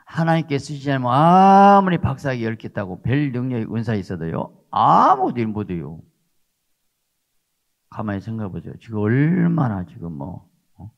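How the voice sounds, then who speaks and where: A man's voice: mid-range voice, big pitch swings, moderate pace, vocal fry. An older man, a pastor, preaching a sermon in an emphatic way and often tagging his points with a questioning "huh?". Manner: emphatic, repeats rhetorical "어?" tags. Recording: dull lo-fi sound.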